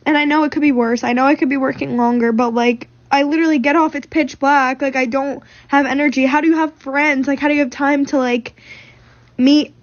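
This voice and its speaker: A woman's voice: sits high, fairly even intonation, a little fast, dry recording, highs cut off. A young woman in her twenties, a recent graduate, venting to camera in a rambling, filler-heavy way. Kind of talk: casual venting vlog.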